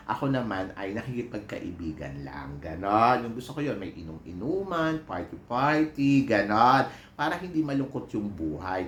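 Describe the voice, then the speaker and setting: A man with a lowish, stuffy, nasal voice from a cold chats away playfully and campily, full of teasing asides. The room sounds echoey, with faint ambience underneath. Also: a bit bright, slight background noise. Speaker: vlogger and PE teacher. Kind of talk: casual chatty vlog.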